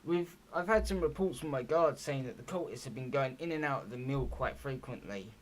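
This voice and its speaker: A man voicing a tall, brisk official who hands out a job to adventurers. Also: mid-range voice, lightly acted. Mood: businesslike.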